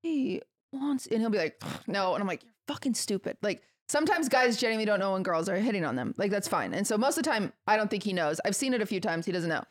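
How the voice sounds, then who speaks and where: A woman's voice: mid-range voice, big pitch swings, fast, few pauses. A young adult woman chatting casually and telling stories in a gossipy way, acting out the dialogue as she goes. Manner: gossipy, acts out quoted dialogue. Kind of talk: casual chat, animated storytelling.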